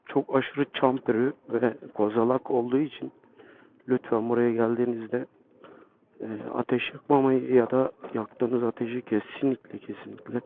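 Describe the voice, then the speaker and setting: A man's voice: medium pitch, flat delivery, moderate pace, gravelly, phone-quality sound, slight background noise. A man narrating a casual outdoor motovlog as a guide, speaking from inside a motorcycle helmet. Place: outdoors on forest roads.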